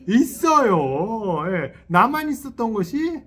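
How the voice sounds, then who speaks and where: Lively monk preaching with questions. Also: male voice, high voice, slow pace. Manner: lively, asks the audience questions and checks in often; chuckles while acting out little inner voices. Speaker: Buddhist monk giving a dharma talk. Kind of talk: sermon. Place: temple hall. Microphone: selfie-style camera.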